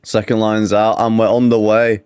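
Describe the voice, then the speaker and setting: Male stream commentator, close dry mic, clear voice, blunt play calls. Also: lowish voice, moderate pace, no echo. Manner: excitable, blunt remarks. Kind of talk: live game commentary.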